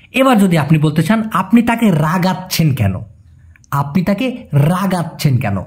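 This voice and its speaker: A man teaching phrases to viewers, slowing right down to spell out each foreign phrase word by word. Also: high voice, a little mellow, slightly rough. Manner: repeats each sentence and breaks it word by word. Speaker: language teacher.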